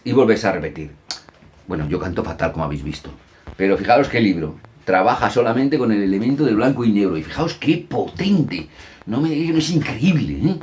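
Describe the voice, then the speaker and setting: Male storyteller from Spain, middle-aged, low-pitched, animated workshop delivery. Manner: animated, breaks into high sung and chanted rhymes. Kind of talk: workshop talk showing picture books.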